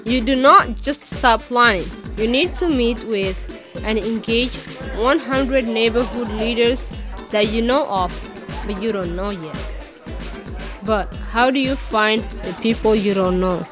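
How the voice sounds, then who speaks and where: Measured woman narrator over music. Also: a little high. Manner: clear, measured delivery. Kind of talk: scripted documentary narration.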